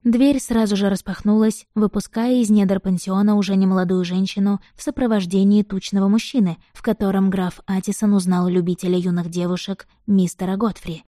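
A woman reading a novel aloud in even, measured scripted narration. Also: medium pitch, no echo, clean studio sound. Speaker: audiobook narrator.

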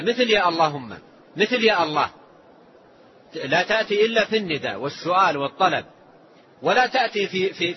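A man with a notably high voice teaches a religious text in a measured, explanatory way, often saying a phrase twice to drive it home. The recording is dull and lo-fi, with a faint hiss underneath. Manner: measured, repeats and restates phrases. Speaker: religious scholar teaching a book.

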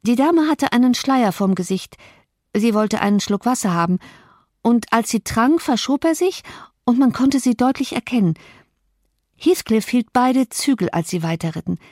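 A woman voicing a thoughtless young housemaid who babbles excitedly. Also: moderate pace, no room sound, clean studio sound. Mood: breathless. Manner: excited, high-pitched babbling.

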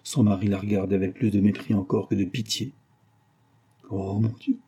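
Husky, dark-voiced man reading a novel. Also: fairly low pitch, flat delivery, fast talker. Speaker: audiobook narrator. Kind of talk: scripted narration.

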